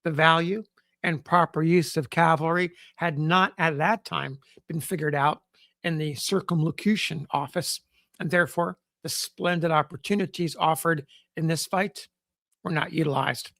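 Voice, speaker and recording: A man hosting a podcast, reading an old newspaper sketch aloud in a measured, formal way with the odd stumble. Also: fairly high pitch, steady tone, creaky, a bit bright, no room sound, clean studio sound. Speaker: podcast host.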